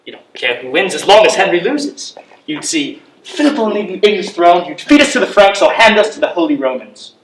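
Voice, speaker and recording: An actor playing a petulant, wounded young prince in a period drama, speaking with sulky, self-pitying defiance. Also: male voice, high-pitched, sing-song, brisk, a crowd in the background. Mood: cold, accusing. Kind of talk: theatrical period drama dialogue. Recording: echoey room.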